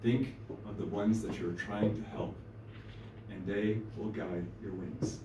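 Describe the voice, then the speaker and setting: Man playing a wise eagle mentor; hushed, grave, very slow lines, roomy stage sound. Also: on the low side, steady tone, background noise, voice pushed down. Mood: solemn. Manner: quiet, grave, measured. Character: wise, solemn male eagle. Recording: roomy live stage, distant mic.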